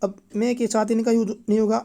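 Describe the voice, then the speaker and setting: A woman's voice: little pitch movement, fast. A woman teaching an exam-prep grammar lesson, chanting lists of word forms and repeating reminders to remember them. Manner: repeats "ठीक है" and "इतना याद रखना है" as fillers; drops softer and lower at each "remember this" reminder.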